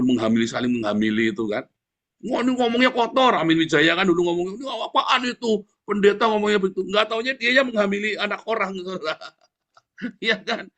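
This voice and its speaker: A middle-aged male pastor preaching a sermon in a blunt, combative way, with lively swings in his delivery. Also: a little high.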